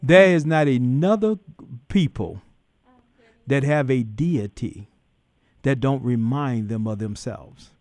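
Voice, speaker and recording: A man's voice: medium pitch, slow, pauses often, a little mellow, no echo. A man hosting a call-in radio talk show, folksy and preacherly, voice rising and dropping in emphatic bursts. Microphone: studio microphone.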